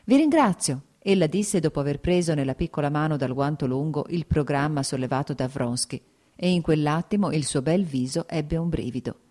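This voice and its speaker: Low, mellow woman narrating an audiobook. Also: fairly quick.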